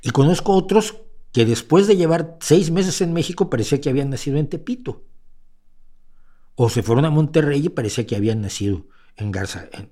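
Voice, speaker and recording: Older Mexican male host, warm mellow tone, wry conversational delivery. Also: mid-range voice. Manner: conversational, wry, many restarts and rhetorical asides. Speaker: host answering viewer questions. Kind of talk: casual talk show monologue.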